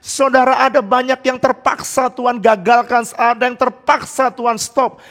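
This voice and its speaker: A middle-aged male pastor preaching a sermon, animated and playful, laughing often and dropping into English phrases. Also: very high-pitched, normal speed. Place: church hall. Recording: long church-hall reverb.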